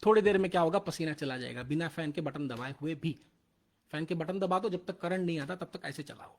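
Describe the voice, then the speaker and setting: A man's voice: on the high side, fairly quick. A man speaking earnestly on a live motivational stream, mixing Hindi with Indian-accented English and repeating his points. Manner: earnest, repetitive, switching between Hindi and English.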